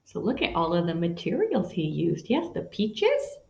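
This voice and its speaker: A woman in her thirties reads a picture book dramatically to young listeners, adding asides as she goes. Her voice is lowish, creaky, and a little mellow, with huge pitch swings and a moderate pace. The sound is dull, and the room is echoey.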